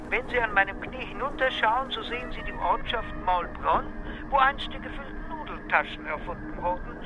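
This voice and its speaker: Teufel macht auf flugkapitän, bordansage wie im cockpit, ziemlich hoch und springt rauf und runter, ein mann spricht ihn. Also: male voice, high-pitched, voice pushed up, low-quality recording. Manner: formal cabin announcement, tour-guide patter. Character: devil posing as a chatty airline captain announcing the flight. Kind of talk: audio drama for children.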